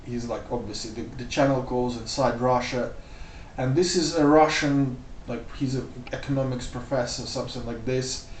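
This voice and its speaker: Male vlogger, middle pitch, casual rambling commentary, slight room hum behind. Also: steady tone, normal speed. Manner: loose and rambling, full of "like" and "you know". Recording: roomy sound, mic off at a distance.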